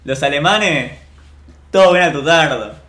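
A man's voice: fairly high pitch, unhurried, a bit bright. Joking Argentine man in a roomy echo. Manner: joking, mock-boastful rants to chat. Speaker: streamer. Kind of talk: casual stream chat.

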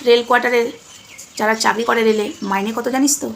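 Fast, high-voiced woman vlogger, emphatic. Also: fairly even intonation, creaky, heavy background noise. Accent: Bengali. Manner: emphatic, repeating "ঠিক আছে?". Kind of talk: casual talk to viewers.

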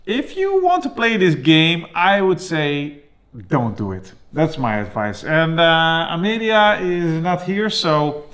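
A man, chatting casually and playfully as he plays a game, excitable and teasing. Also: on the high side, slow. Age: 40s. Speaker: host, father playing a game with his child. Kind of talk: casual gameplay chat.

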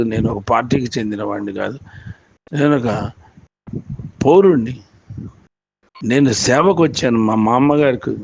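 A man retelling an event in storytelling commentary, animated and full of repetition. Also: medium pitch, gravelly. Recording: dull lo-fi with faint noise.

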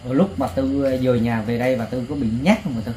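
A woman's voice: extremely low pitch, fast, dark tone, slight background noise, poor audio. A woman interviewer asking eager, deferential questions in casual conversation.

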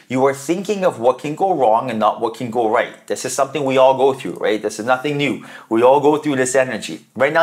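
A man talks the listener through a tarot reading in an earnest, encouraging way. His voice sits in an ordinary middle pitch. He keeps checking in with "right?" and jumps much higher when he acts out the voice of fear. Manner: earnest, coaching tone with frequent "right?" tag questions. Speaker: tarot reader. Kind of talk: spiritual tarot reading monologue.

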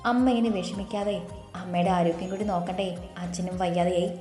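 Woman doing a soft caring young daughter-in-law in an audio story, mellow voice. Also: fairly low pitch, fairly even intonation, a little fast, reverberant, faint music behind, close to an everyday voice.

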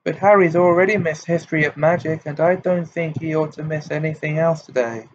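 A man's voice: on the high side, brisk, close to an everyday voice. A man voicing a severe, know-it-all teenage schoolgirl with a prim, reproving manner. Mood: lofty. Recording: dull lo-fi with faint hiss.

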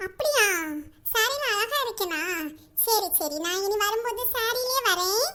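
A woman's voice: very high voice, animated, a little slow, bright, forceful tone, slight background noise, exaggerated voice. A woman voicing a shy, eager young girlfriend in a cartoon. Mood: sweet.

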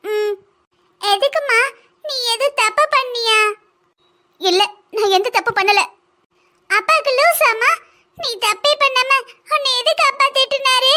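A woman's voice: very high voice, measured pace, long pauses, sharp tone, pitched above the performer's own voice, full character voice. A woman voicing a hungry young schoolgirl in a cartoon, with a southern Tamil accent and a whiny, insistent way of talking. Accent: southern Tamil (Kanyakumari-Tirunelveli). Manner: whiny and insistent, with a tearful edge. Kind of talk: cartoon voice acting.

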